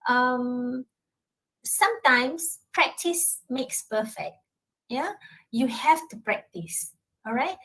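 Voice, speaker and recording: A woman lecturer at a university, speaking with a Malaysian English accent, handles questions from the audience at a talk. She peppers her answers with "yeah?" and "all right?" to check understanding. Her high, sharp-toned voice is expressive and slow-paced, captured on a rough recording.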